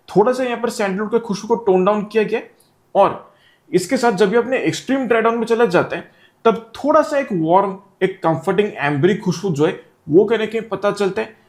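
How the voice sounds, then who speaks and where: High-voiced man reviewing perfumes. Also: darkish tone. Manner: explanatory, mixing Hindi and English. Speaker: fragrance reviewer. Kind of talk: product review talk to camera.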